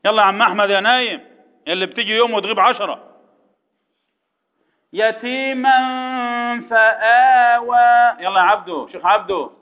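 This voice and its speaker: High-voiced man with Egyptian accent, quick-fire classroom questions, echoey hall, dull lo-fi sound. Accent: Egyptian Arabic. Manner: quizzes students with rapid repeated questions, chants verses slowly. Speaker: Quran recitation teacher. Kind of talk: classroom tajweed lesson.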